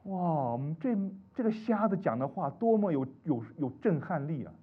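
A male pastor preaching a sermon, animated and rising to emphatic peaks. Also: on the high side, moderate pace, husky. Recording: dull lo-fi recording.

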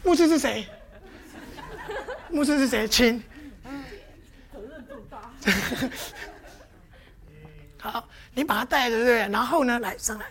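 A woman leading a lively, interactive church teaching, constantly asking the audience questions and acting out examples. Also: on the high side, slow pace, pauses often. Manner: lively, with playful demonstrations.

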